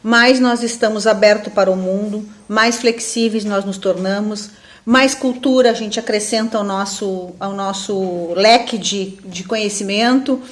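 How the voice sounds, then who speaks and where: In an unhurried, mid-range voice with fairly even intonation, a southern Brazilian professor delivers an informal academic webinar. She works through ideas out loud in a reflective way, repeatedly using tag questions to draw her audience into agreeing.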